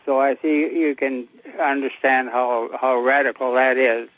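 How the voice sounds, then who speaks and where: Over a dull, lo-fi telephone line, a ninety-year-old American caller chats casually with a show in a folksy, plain-spoken way. He has a mid-range voice and a level tone, and he talks a little slowly.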